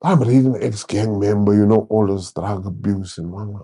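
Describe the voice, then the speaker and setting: A man in his thirties giving a personal testimony in an interview, animated and acting out the people he quotes. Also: on the low side, moderate pace, slightly rough. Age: 30s. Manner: animated storyteller, acts out quoted voices. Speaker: church member sharing testimony.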